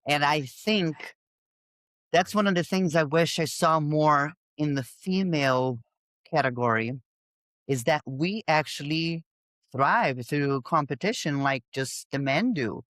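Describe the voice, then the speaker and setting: A woman's voice: sits low, measured pace, no echo. Emphatic woman host, very dry sound. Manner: emphatic, animated, restarts mid-sentence. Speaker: podcast host and bodybuilding coach. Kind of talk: casual podcast conversation.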